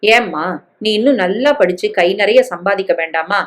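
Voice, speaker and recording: A woman voicing a troubled working mother who speaks to her daughter with deep feeling. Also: moderate pace, natural voice. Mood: gentle. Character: grieving, furious working mother.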